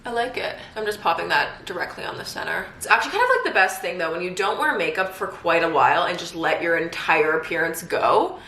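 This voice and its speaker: A woman's voice: on the low side, animated, fairly quick, few pauses, bright, forceful tone. A young woman in her twenties chatting casually through a makeup tutorial at home, upbeat and full of fillers. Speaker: beauty vlogger. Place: home room during quarantine. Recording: echoey room, faint noise.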